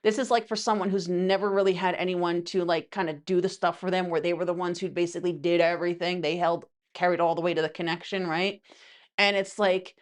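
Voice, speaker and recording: Speaking briskly in a lowish, steady voice, this woman gives a loose, conversational tarot reading. Her asides ramble, and "you know" and "right" pop up constantly as fillers.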